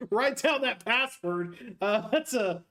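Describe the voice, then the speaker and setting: A man streaming a racing game and joking his way through casual, rambling commentary as a high school teacher. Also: measured pace, roomy sound. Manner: jokey, rambling, self-mocking.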